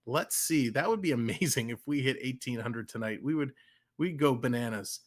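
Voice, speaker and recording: A Toronto-area man with a Canadian accent speaks at normal speed in a medium-pitched voice. He hosts a livestream with casual play-by-play, chatting with viewers in a chatty manner, reading chat aloud and laughing easily.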